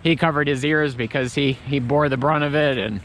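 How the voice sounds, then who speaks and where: Slight background noise accompanies a man's casual commentary as he vlogs his way around an outdoor Christmas market. He's a travel vlogger with a mid-range, somewhat bright voice, fairly even intonation, and moderate pace, rambling with frequent restarts.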